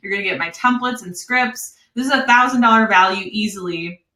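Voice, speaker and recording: Wisconsin woman, webinar sales pitch, bright forceful voice, echoey room. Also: fairly quick. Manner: upbeat, chatty, laughs often. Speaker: online course host.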